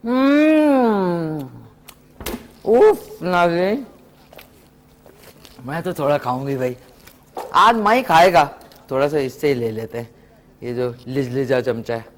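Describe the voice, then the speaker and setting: A woman's voice: a bass voice, animated, measured pace, pauses often. A middle-aged woman, hosting a live morning TV cooking segment and chatting to viewers and callers. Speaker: morning show host.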